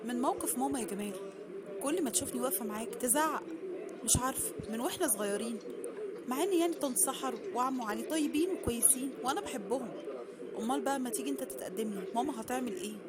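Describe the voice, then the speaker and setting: A woman's voice: on the high side, expressive, very fast, close to an everyday voice. A woman voicing a young adult daughter who talks in a pleading, anxious way. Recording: noisy background.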